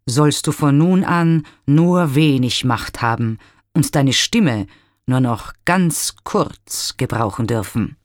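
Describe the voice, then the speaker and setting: A man takes on a wrathful queen of the gods, her voice lifted a little higher and louder as she hands down a stern punishment. The words come slowly and weightily, in a dry, close recording. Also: lively intonation, dry recording. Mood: cursing. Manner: stern, pronouncing a curse. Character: wrathful queen goddess, commanding.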